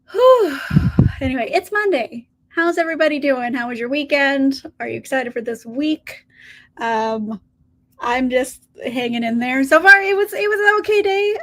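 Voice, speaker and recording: Chatting upbeat on a relaxed livestream, this woman greets her audience and answers comments with plenty of laughs. She hosts a book channel. Her voice is high-pitched and somewhat bright, with a little scratchiness today.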